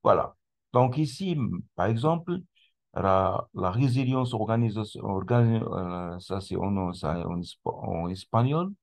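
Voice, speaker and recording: A man with a very deep voice walks through a website in a screen-recorded tutorial. He talks slowly and hesitantly, restarting phrases often as he clicks through the steps. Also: animated, creaky. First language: not English; speaks French. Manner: hesitant, many restarts and fillers, explains step by step. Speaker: tutorial presenter.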